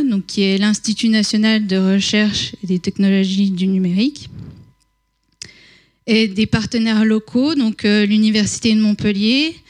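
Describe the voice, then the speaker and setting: With a medium-pitched, somewhat dark voice, a woman conference organizer introduces the speaker at a public lecture. She sounds hesitant, filling her speech with fillers and restarts.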